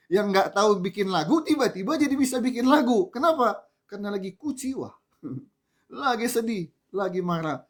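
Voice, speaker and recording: A male pastor preaching a sermon at a church service, chatty and joking, often quizzing the congregation. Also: on the high side. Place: church service, also streamed online.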